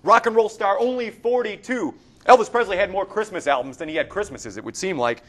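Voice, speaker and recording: A man co-hosting a wrestling show, playful and lively, reading out bits and slipping into loud mock-announcer shouting. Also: high-pitched, a little fast. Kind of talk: casual commentary banter. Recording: music playing behind.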